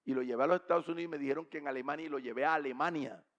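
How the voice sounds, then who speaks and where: A woman's voice: low voice, very fast, muffled recording, natural voice. A man putting on a stubborn rich old lady. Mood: proud. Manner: firm refusals, rising to shouts.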